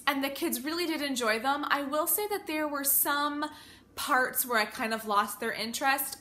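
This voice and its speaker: A woman in her thirties, a homeschooling parent vlogger, speaks in a slightly high, bright, forceful voice. In a casual, chatty review vlog, she works through her opinions conversationally, with some hesitation.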